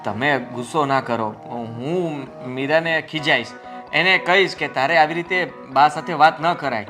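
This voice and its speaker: An actor playing a young son and husband who calmly tries to soothe his upset mother in a film drama. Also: fairly high pitch, a little slow, faint music behind. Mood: placating. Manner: soothing, placating.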